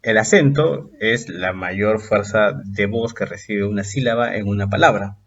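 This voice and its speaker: A man's voice: fairly low pitch, measured pace, a bit bright. Patient male exam-prep teacher, dull audio. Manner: patient, explains step by step with checking questions. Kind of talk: recorded video lesson.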